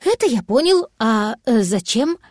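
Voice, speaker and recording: A woman's voice: fairly high pitch, very animated, unhurried, dry recording, clean studio sound. A woman doing a fretful grumbling cat. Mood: fretting. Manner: grumbling, worried. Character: fretful male cat, stubborn and soft-hearted.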